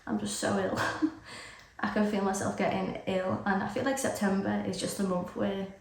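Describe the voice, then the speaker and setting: This is a British woman vlogging to camera, chatting casually and rambling with many fillers while suffering a cold and sore throat. Her voice is mid-range, creaky and flat, at a moderate pace. She is far from the mic in an echoey space with loud noise behind her.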